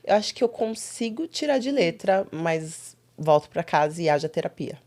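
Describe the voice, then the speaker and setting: A young adult woman, a guest in a casual interview, telling stories with lively quoted asides. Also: on the low side. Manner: animated storytelling with quick quoted asides.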